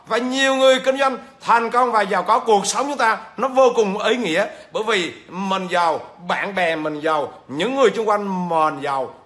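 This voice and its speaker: A man's voice: sits high, pushed and bright. A man, a business trainer, giving a livestreamed lecture; he stammers at times and keeps checking in with viewers through questions.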